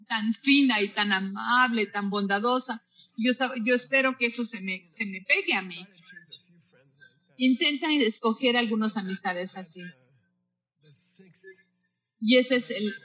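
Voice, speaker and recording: Bright-toned teacher with halting, repeating delivery. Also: medium pitch, poor audio. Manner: halting, often repeats and restarts words mid-phrase; addresses listeners directly with questions and asides. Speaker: Buddhist teacher. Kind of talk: spoken teaching on Buddhist practice.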